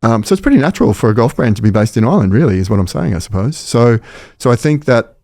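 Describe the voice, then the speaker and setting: A middle-aged man with an Australian accent, a company founder telling his story as a podcast guest in quick, enthusiastic casual talk, often repeating phrases as he thinks. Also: mid-range voice, lively intonation, gravelly, a little mellow, no echo, studio quality.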